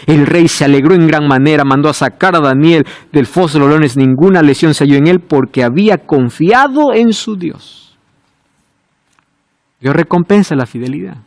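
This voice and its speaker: A man preaching a sermon, asking rhetorical questions and swinging from loud emphasis to hushed low words. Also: moderate pace, no echo.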